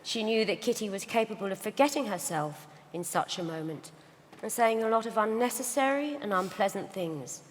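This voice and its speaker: A woman reading novel narration aloud at a live event, calm and measured. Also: mid-range voice, slight background noise. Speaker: reader. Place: large event hall on stage. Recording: hall reverb.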